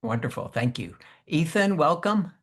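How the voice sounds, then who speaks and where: A male host with a gravelly, fry-edged voice leads an interview by video call. He speaks in a formal, measured way and welcomes each guest politely. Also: fairly high pitch, sing-song.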